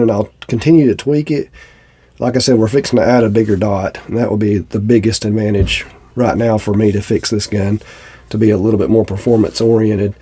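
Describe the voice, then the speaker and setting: On the low side with a warm tone, a middle-aged man from the US South talks casually to his audience while reviewing for his shooting channel. His slightly stuffy nose comes through, and his manner is plainspoken and folksy.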